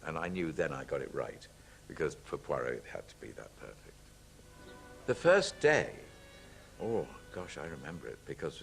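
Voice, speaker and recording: A man, an actor, telling animated stories about his work in a reflective documentary interview. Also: a bass voice, gravelly, a little hiss or hum. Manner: animated, anecdotal storytelling.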